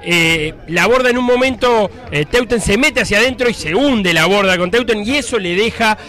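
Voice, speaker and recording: A man's voice: sits high, normal speed, pushed and bright. A man with a Uruguayan accent giving spontaneous, analytical football commentary on the radio, explaining each play.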